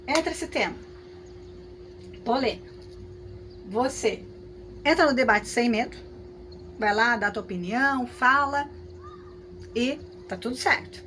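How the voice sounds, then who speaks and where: A woman with a Brazilian Portuguese accent teaching a class, talking in a lively, conversational way with frequent tag questions. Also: fairly high pitch, noisy background. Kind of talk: lecture with hypothetical examples.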